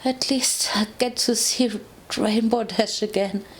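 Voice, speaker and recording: A woman reading a story aloud, voicing a gentle, dying young woman who speaks faintly and breathily. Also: on the high side, fairly even intonation, takes it slowly.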